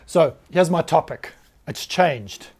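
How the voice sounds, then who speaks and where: A man's voice: fairly high pitch, expressive, takes it slowly, a little mellow, breathy edge. A South African man in his forties, giving a candid, self-deprecating talk to a live audience in a meeting room. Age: 40s. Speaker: business founder giving a talk.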